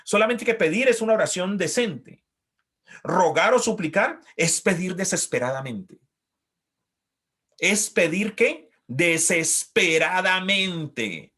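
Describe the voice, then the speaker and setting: A male pastor preaching a sermon, acting out pleas and quoted voices and swinging from loud to hushed. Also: high-pitched, lively intonation, slow, breathy edge.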